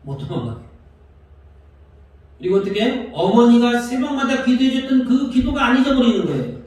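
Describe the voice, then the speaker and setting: A man's voice: sits high, a little mellow, heavy reverb, far from the mic, poor audio. A male pastor preaching a sermon in a church, putting questions to the congregation and acting out prayers as he goes. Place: church sanctuary.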